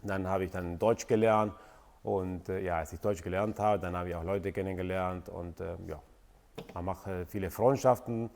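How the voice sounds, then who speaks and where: A man's voice: low voice, steady tone, normal speed, a little mellow, in a large hall. A man in his forties from Argentina, speaking, answers viewer questions about his company with lots of fillers and restarts. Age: 40s. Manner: hesitant, many fillers and restarts. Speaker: company founder and channel host. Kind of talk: casual Q&A to camera.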